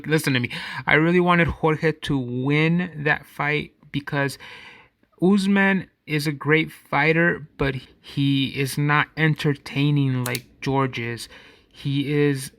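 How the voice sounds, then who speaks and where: Slow-talking man with a dry close sound. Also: a little high, a bit bright, dry recording. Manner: rambling, self-correcting, conversational. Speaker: podcast host. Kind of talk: casual solo commentary.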